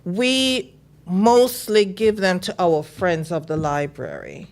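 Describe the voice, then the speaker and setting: A middle-aged woman from Jamaica, a librarian and guest, telling her story in calm, measured casual interview talk. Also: fairly low pitch.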